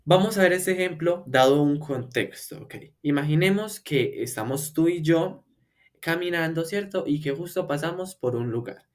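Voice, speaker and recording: A man teaching a beginner language lesson, patiently explaining step by step with repeated examples and slowing down to model words. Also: on the high side, animated. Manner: slows down to model English words for repetition. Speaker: English teacher.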